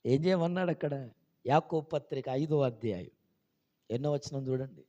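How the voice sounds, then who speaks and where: A man preaching a sermon as pastor. He switches between quiet asides and loud, rising exclamations, and he questions the congregation. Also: medium pitch, normal speed, long reverb tail, highs cut off. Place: church hall.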